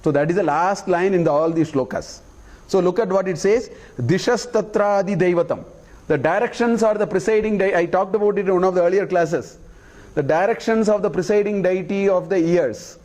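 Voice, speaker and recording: In a scripture class, the Vedanta teacher's fairly high, darkish voice carries slow, careful Sanskrit recitation. Each verse gets a plain explanation, and he keeps stopping to ask "okay?" before going on.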